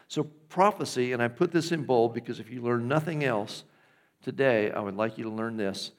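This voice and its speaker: A middle-aged man, a pastor preaching a conversational sermon in a church and checking in with the congregation. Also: mid-range voice. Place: church sanctuary.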